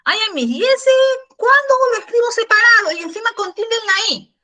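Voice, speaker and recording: A curious schoolgirl, as her teacher puts her on, asks her question in a high, bright voice that leaps around eagerly. She sounds keen and inquisitive. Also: lively intonation, moderate pace, full character voice.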